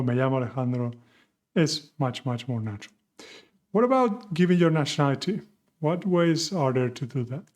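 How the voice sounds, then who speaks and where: The teacher's voice is medium in pitch with a darkish tone. In his beginner Spanish lesson he's patient, answering his own questions and moving between English and Spanish.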